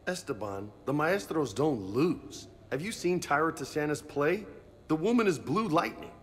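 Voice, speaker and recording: An actor playing a brawny, cocky young marine bantering casually in a video game. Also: male voice, a little high, animated, normal speed, close to an everyday voice. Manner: casual banter with Spanish words. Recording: reverberant room with background noise.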